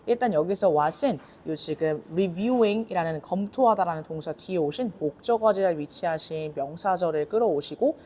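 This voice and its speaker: A woman's voice: lowish voice, animated, normal speed, hardly any pauses, a little mellow, slight background noise. A woman teaching English grammar in a recorded lecture, explaining step by step with rhetorical questions and reading English lines in a Korean accent.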